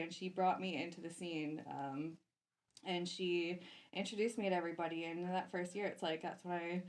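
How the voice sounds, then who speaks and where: A Canadian woman in her thirties, a soft-spoken, shy guest DJ chatting casually on a podcast with many fillers. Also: lowish voice. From Vancouver, Canada. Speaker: guest DJ and producer.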